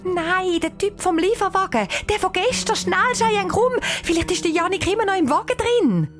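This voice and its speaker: A woman with a Swiss German accent voicing a timid, nervous schoolgirl in a storybook who stutters and squeaks. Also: animated, slow, music in the background. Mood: excited. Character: timid nervous schoolgirl Anisa, about ten.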